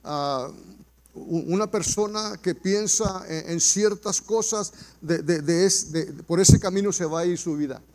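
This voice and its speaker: High-voiced man preaching, repeating himself. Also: measured pace, a little mellow. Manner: repetitive, drops voice to a murmur on "mi hermano"; mixes English fillers into Spanish. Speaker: pastor. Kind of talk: Spanish sermon.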